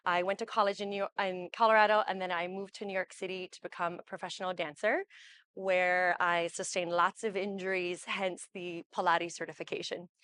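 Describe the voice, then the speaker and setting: A woman's voice: fairly low pitch, flat delivery, brisk, fairly bright tone, clear, resonant tone. A woman in her thirties from Hawaii, a Pilates instructor casually welcoming a small group to a workshop, with many fillers. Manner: chatty, loose, with fillers like um and like. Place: wellness studio with a small audience.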